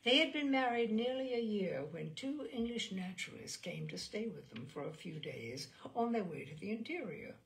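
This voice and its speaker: This medium-pitched, creaky female voice reads literary fiction aloud in a measured, expressive audiobook manner, taking on the role of storyteller.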